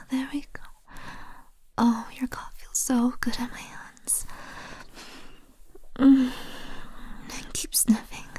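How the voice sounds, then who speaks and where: A woman speaking in a soft, breathy whisper close to the microphone, in a slow, intimate roleplay. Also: on the high side, no echo.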